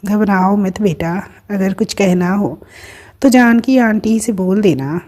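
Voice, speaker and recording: A woman voicing a gravely ill mother in an audio story, speaking softly and pleading through tears. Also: mid-range voice, slow pace. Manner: soft, tearful pleading.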